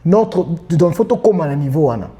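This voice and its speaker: A man's voice: on the high side, expressive, fairly quick, mellow. A man with a Congolese French accent hosting a casual discussion, switching between French and Lingala as he leads each point. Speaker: podcast host.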